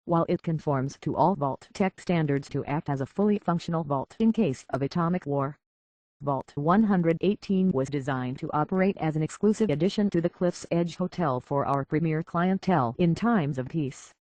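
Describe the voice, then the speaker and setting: A man on the high side, with a darkish tone and normal speed, delivers lightly acted lines with no room sound. His scripted video game character is a courteous, anxious robot butler and hotel concierge. That character speaks with a British accent and a prim, officious, formal, fussily polite manner.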